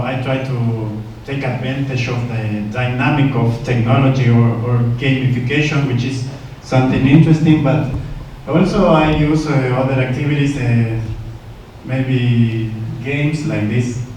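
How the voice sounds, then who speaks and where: A man, an English teacher giving a halting prepared presentation. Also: mid-range voice, fairly even intonation, a little mellow, slight background noise. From Nicaragua. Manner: halting, searching for words. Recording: echoey room, far from mic.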